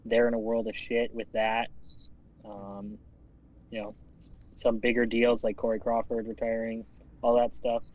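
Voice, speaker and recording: A man's voice: mid-range voice, measured pace, gravelly, pauses often. Easygoing man rambling on a lo-fi podcast. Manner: easygoing, rambling, swears casually. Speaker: podcast co-host. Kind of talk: casual chat.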